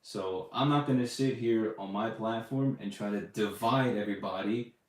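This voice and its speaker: Speaking at a moderate pace in a voice on the low side, this man hosts a relaxed live podcast and fields questions as they come in. His talk wanders, packed with fillers and false starts, and the recording carries a roomy echo.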